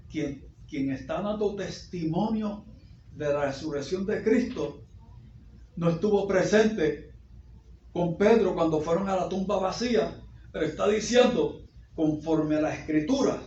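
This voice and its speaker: Male pastor, fairly high voice, slow deliberate sermon delivery, reverberant sanctuary. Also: slight background noise. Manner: preaching with repetitions and sudden loud peaks. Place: church sanctuary. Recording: echoey dull church recording.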